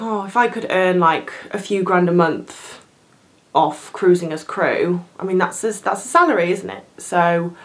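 A young woman talks to her camera in a relaxed question-and-answer chat, her voice sitting a little low for a woman. She's animated and laughs easily between thoughts. She's recorded indoors in a plain room. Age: young adult. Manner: chatty, animated, laughs often. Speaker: cruise ship crew vlogger. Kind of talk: casual Q&A to camera.

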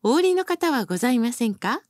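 A woman gives recorded bus announcements fast, her fairly high voice rising and falling in a lively, melodic way. Her manner is polite and formal, and she enunciates each phrase with care. The sound is close and dry, with barely any space around it.

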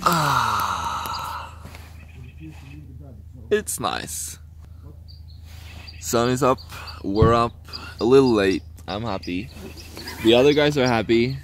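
A man's voice: medium pitch, expressive, slow pace, pauses often, fairly bright tone, a little hiss or hum. A young man chatting cheerfully and joking with friends while filming a road trip vlog outdoors on a handheld camera. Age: young adult. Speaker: vlogger. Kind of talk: casual travel vlog chat. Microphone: handheld camera close to face.

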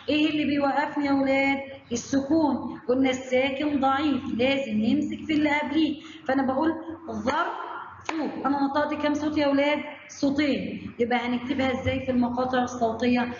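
A woman with an Egyptian Arabic accent teaching young children a phonics lesson, talking to them directly and stretching out syllables. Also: sits high. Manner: slow drawn-out syllables, addresses children directly. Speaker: primary school teacher. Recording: echoey room, dull lo-fi sound, faint noise.

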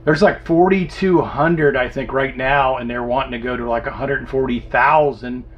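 A man in his fifties co-hosting a casual RV travel vlog from inside the camper, easygoing and explanatory, often trailing off quietly. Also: medium pitch, steady tone, normal speed. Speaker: RV vlog co-host. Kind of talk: casual chat. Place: inside an RV, seated at table. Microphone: camera a few feet away. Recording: dull sound with faint background hiss.

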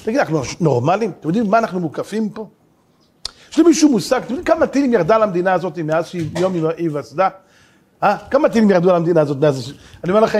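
High-voiced animated rabbi preaching. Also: male voice, husky. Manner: animated, joking storytelling with rhetorical questions. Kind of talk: sermon.

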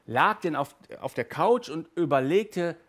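In a small indoor room lined with toy shelves, a man in his thirties hosts a casual audio drama review. His fairly high voice runs a little slow, and he's lively and restless, stumbling and restarting, sounding hot and flustered by the heat.

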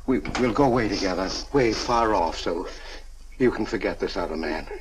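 A man's voice: lowish voice, lively intonation, moderate pace, noisy background, close to an everyday voice. An actor playing a lovesick middle-aged man in a 1940s film, stammering and pleading.

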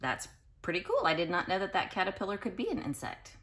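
This woman talks fast in a fairly low pitch as she reads a picture book to young children. Her delivery is teacherly, expressive and careful, broken up by asides that explain things and by questions.

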